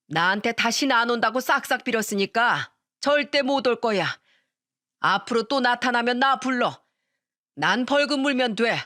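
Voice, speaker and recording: A woman voicing an older father in a narrated radio story, blunt and triumphant after getting even. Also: fairly high pitch, no echo, studio quality.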